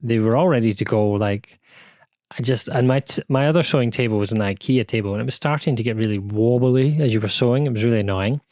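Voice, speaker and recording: A man's voice: medium pitch, fast talker, a little mellow, no echo. British guy rambling about his sewing stuff, lots of asides, dry close sound. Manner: chatty and self-deprecating, with many asides and restarts. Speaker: quilting channel host. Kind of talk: casual chat. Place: home sewing room.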